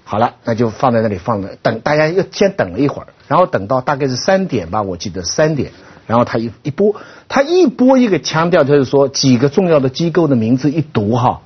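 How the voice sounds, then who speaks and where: Brief: quick, lively-pitched husky man, fifties, talk-show guest, slightly muffled studio audio. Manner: animated storyteller, lively pitch. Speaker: guest commentator. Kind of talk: casual panel chat.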